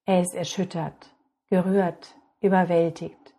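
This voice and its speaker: A woman hosting a podcast, calmly addressing her listeners and narrating a story. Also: on the low side, unhurried. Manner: calm, addresses listeners directly. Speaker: podcast host.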